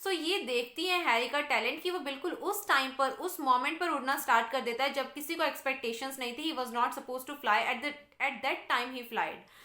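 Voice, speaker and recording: A woman teacher reads summary lines slowly, then explains them in Hindi. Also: sits high, bright, forceful tone, echoey room. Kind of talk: literature lesson explaining a novel.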